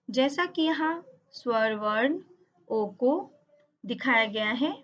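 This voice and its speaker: A woman teaching over slides, speaking slowly and carefully and drawing out each sound she spells. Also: sits high. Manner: drawn-out, emphatic spelling of sounds. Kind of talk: slow, careful lesson narration over slides. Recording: dull lo-fi audio.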